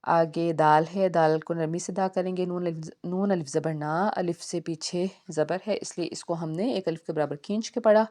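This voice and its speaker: A woman's voice: lowish voice, dark tone. A woman teaching Quran recitation rules, spelling out each letter and vowel syllable by syllable. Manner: slow measured syllable-by-syllable spelling. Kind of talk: spelling-out tajweed lesson.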